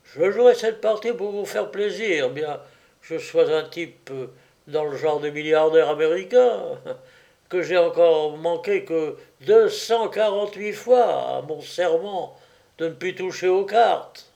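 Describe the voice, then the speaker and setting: A man voicing a broke male painter who boasts and talks up his importance in an excited way. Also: on the high side, a little slow, gravelly, voice pushed up. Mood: boastful. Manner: excited and bragging.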